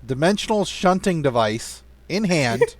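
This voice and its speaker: A man running a tabletop game as game master, narrating haltingly. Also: fairly high pitch, lively intonation, dry recording.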